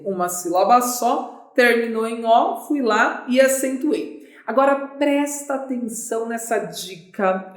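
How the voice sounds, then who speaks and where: Chatty Brazilian woman teaching grammar. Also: on the high side. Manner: chatty, asks and answers her own questions. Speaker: Portuguese teacher. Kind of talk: online grammar lesson. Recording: echoey room.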